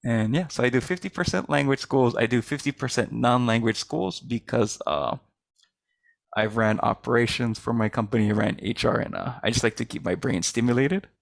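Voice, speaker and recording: A man introducing himself as a business coach in an informal group discussion, explaining haltingly and rephrasing as he goes. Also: mid-range voice, gravelly, no echo, studio quality. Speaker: business coach for school owners.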